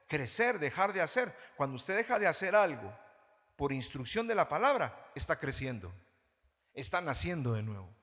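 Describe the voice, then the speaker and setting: A man with a Guatemalan Spanish accent preaching a sermon as pastor, animated, mimicking churchgoers in mocking voices. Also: fairly high pitch. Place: church hall. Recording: reverberant church hall.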